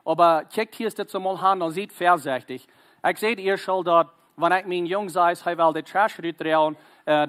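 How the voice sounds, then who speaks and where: A man. He talks haltingly, with many fillers and stray English words mixed into his sermon. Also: a little high, fairly bright tone. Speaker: preacher.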